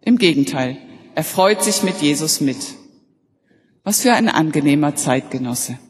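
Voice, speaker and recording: A woman pastor giving a sermon in a calm, deliberate way, slowing down on key sentences. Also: deep voice, slight background noise. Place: church. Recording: long church reverb.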